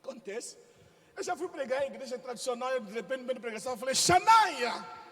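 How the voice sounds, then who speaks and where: High-voiced pastor from africa, lively jokey sermon, long church echo. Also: male voice, racing. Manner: lively, exclamatory, joking preaching.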